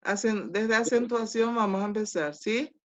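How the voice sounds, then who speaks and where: A woman teaching an online class, speaking slowly and deliberately and checking in with short questions. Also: on the high side. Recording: dull lo-fi online class audio.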